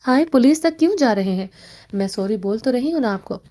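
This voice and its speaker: A woman voicing an impulsive, quick-tempered young wife who pleads, scolds and teases in a romance audiobook. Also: fairly high pitch, lively intonation, warm tone, lightly acted. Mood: worried, pleading. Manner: pleading then scolding, teasing.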